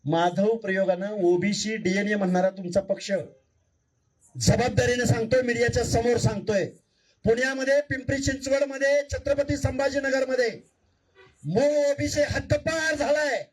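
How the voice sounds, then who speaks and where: A man with a raised, high-pitched voice delivers a fiery speech at a public meeting, caught from a distance by the microphone. He pleads earnestly with the crowd and keeps hammering them with rhetorical questions. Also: fairly even intonation, moderate pace. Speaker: political speaker at a public meeting. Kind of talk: fiery political rally speech.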